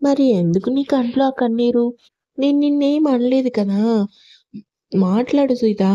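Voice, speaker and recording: Female reader as devoted young husband, gentle and coaxing, highish mellow tone. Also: unhurried. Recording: lo-fi audio.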